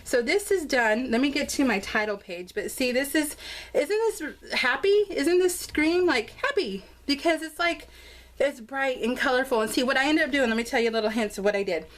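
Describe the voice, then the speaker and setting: Showing scrapbook pages in an unscripted, casual vlog, this American crafter gushes and rambles in a bubbly way. She has a high, somewhat bright voice, animated in delivery, at an ordinary pace.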